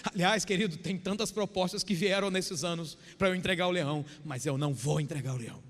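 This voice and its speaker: A man preaching a sermon with a high-pitched voice that carries a long church reverb. He tells Bible stories and slips into other voices for the dialogue. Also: fast, a bit bright. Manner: acts out biblical dialogue in changing voices. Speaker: pastor.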